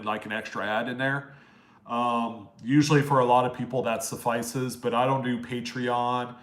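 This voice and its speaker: A live stream host from Maryland on the US East Coast chats loosely and warmly with his viewers in a casual Q&A, reading out their names and rambling from one question to the next. His nasal voice is mid-pitched, and the audio sounds echoey and roomy.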